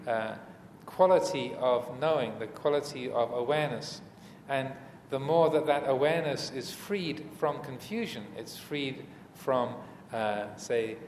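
Speaking at a medium pitch, a man who is a Buddhist monk teacher offers a reflective dharma talk. He teaches in short, deliberate phrases with many pauses. The spacious room echoes after his words, and there's some background noise.

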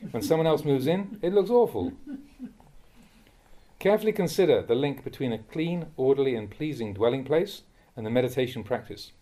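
A man, a monk, reading a Dhamma talk aloud in a measured, admonishing way that rises sharply when he scolds. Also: medium pitch, lively intonation, warm tone. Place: monastery.

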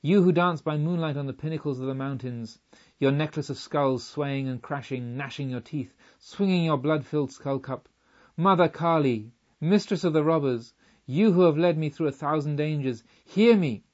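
A man voicing a fierce, chained robber chief who speaks gruffly and growls, rising to a booming call. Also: moderate pace, highs cut off, close to an everyday voice. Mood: thundering. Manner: grows loud and booming in his invocation.

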